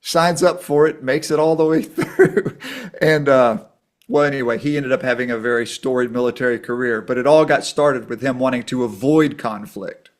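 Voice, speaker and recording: A middle-aged man telling stories as a podcast guest. His voice sits in an ordinary middle pitch, and he swings up high and loud when he acts out the people in his stories. He talks with a storyteller's animation. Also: normal speed. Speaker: guest, documentary filmmaker.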